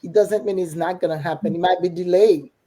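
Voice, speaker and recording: This business coach and mentor, a middle-aged woman from Haiti, talks with a Haitian accent in a dark, fairly low voice. Her intonation stays fairly even and she moves a little fast through a casual, encouraging pep talk.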